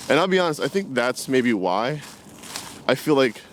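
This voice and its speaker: A vlogger in his twenties walks through the woods talking to a handheld camera in casual, unscripted fashion, reflective, rambling and hesitant. His voice is medium-pitched and very animated at a normal speed, with slight background noise.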